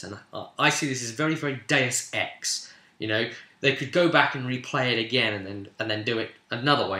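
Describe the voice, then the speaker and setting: A man hosting a role-playing vidcast as game master casually recaps a tabletop session, telling it in an animated way with sudden emphatic swells. His voice is mid-range, and the recording has a roomy, echoing sound.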